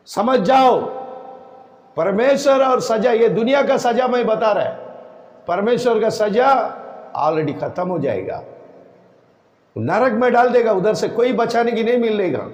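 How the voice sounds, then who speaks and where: A male preacher delivering a sermon in a slow, emphatic style, repeating his warnings. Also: very high voice, lo-fi sound. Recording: echoey hall, roomy reverb.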